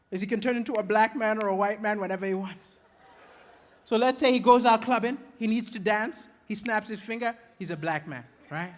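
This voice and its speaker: A man doing a stand-up comedy set, animated, slipping into voices for the people in his stories. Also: extremely high pitch. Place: comedy venue stage. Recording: reverberant hall.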